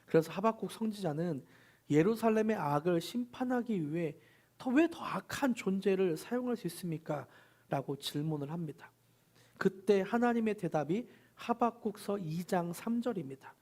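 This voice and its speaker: A man's voice: high-pitched, animated, normal speed, a little mellow. A man preaching a Sunday sermon as pastor. He leads the congregation in reading scripture together and speaks the prophet's complaints in the first person.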